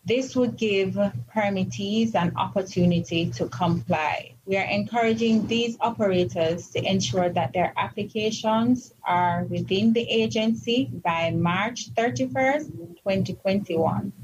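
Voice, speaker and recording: A woman's voice: medium pitch, a little mellow. Dull-sounding recording of woman official. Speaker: agency urban planner. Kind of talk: formal public information statement. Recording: dull audio with faint noise.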